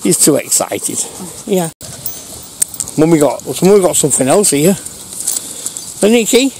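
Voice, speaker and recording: A woman chatting casually outdoors while training her dog, calling high commands between low, chatty asides. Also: lively intonation, moderate pace. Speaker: dog owner filming training. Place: outdoors in a rural field. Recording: outdoor recording with loud background noise. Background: rural outdoor ambience.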